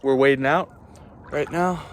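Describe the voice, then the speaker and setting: Under a small bridge, a young man vlogs casually to camera while standing in a cold stream, halting and pausing as he copes with the cold. He speaks in a mid-range voice with fairly even intonation into a handheld phone or camera. Clear outdoor ambience fills the background.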